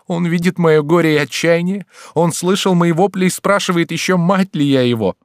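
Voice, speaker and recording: A man's voice: mid-range voice, a little fast, dry recording, clean studio sound, voice pushed up, close to an everyday voice. A man voicing a distraught young countess in an audiobook, with a raised, strained pleading voice. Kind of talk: audiobook character reading.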